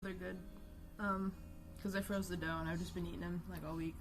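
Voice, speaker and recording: A woman's voice: on the low side, flat delivery, a little fast. A young woman chatting casually on a live art stream at home, rambling, joking at herself and swearing freely. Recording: music playing behind the voice. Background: music.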